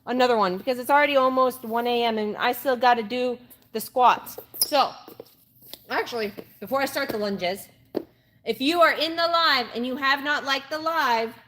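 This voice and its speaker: Livestreaming her workout from an indoor gym, this late-twenties woman talks in a high, fairly bright voice, keeping things informal and circling back to the same points. Gym noise fills the background and her distance from the mic varies.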